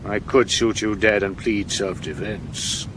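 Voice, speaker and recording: A man's voice: fairly low pitch, steady tone, a little slow, noisy background, close to an everyday voice. A man playing a pompous, grandly theatrical actor turned detective in a 1970s radio drama. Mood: menacing. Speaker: amateur detective.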